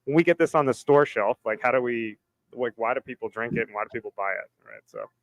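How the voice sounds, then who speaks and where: A man's voice: medium pitch, quick pace, no room sound, poor audio. A man speaking on a casual panel discussion, loose and full of "like" and "right?". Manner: loose, filler-heavy, says "right?" and "like" often.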